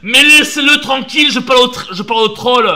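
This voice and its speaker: Shouting high-voiced ranting man. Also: brisk, slight background noise. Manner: shouting, swearing, heated. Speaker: fan defending a paranormal youtuber. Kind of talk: ranting video.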